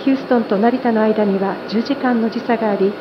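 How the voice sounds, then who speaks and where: A woman flight attendant making a polite, formal plane cabin announcement over the cabin loudspeaker. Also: fairly high pitch, steady tone, very fast, lo-fi sound, noisy background. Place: airplane cabin.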